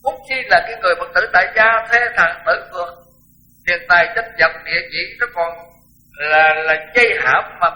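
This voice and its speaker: A man's voice: sits high, sharp tone, poor audio. An older man, a Buddhist monk, giving a frank, blunt dharma talk and repeating words for emphasis.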